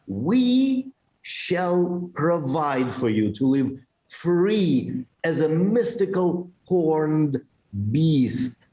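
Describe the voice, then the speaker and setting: Whispered role-play, man playing a slow hushed mystic salesman, echoey room. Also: a little high, full character voice. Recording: roomy echo.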